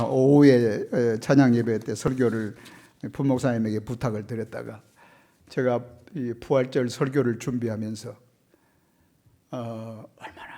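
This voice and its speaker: A man preaching a sermon as pastor, rising to loud, urgent appeals and dropping to quiet asides, often asking the congregation questions. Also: mid-range voice. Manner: swings from loud impassioned preaching to soft hushed asides.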